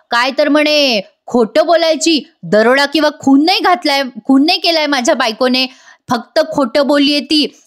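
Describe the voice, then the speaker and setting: A bitter young husband snaps at his family in rude, defiant bursts, as a woman reads him out. The voice sits high and climbs higher when he gets heated. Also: close to an everyday voice.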